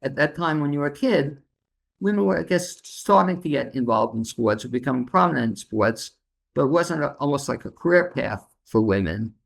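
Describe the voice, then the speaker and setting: With a medium-pitched voice marked by vocal fry, lively intonation and a fairly quick delivery, this man hosts a casual podcast interview. Hailing from New York City, he chats loosely and uses plenty of fillers.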